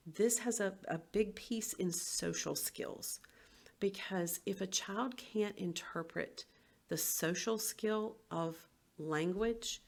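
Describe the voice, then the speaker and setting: A woman's voice: mid-range voice, creaky. A woman, a former teacher, giving an educational presentation and acting out tones of voice as she explains.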